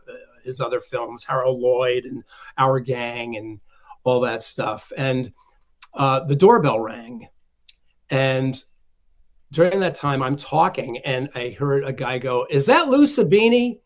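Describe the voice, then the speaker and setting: An older man, a film collector, chatting as an interview guest and telling rambling anecdotes full of acted-out quotes. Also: mid-range voice. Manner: rambling storyteller who acts out quoted dialogue.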